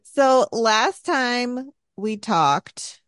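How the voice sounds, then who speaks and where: A woman's voice: on the high side, animated, extremely slow, fairly bright tone, no echo. A woman co-hosting a podcast, chatting playfully and teasing her co-host. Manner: playful, laughs often. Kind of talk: casual chat.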